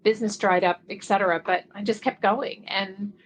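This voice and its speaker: A chatty middle-aged woman talks as a guest on a podcast, relaxed and easy to laugh. Her voice sits at a middling pitch for a woman. She lets her sentences fade off quietly at the ends. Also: normal speed. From Belgium. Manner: chatty, laughs easily, trails off softly at phrase ends. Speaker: podcast guest, book marketing expert. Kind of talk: casual interview chat.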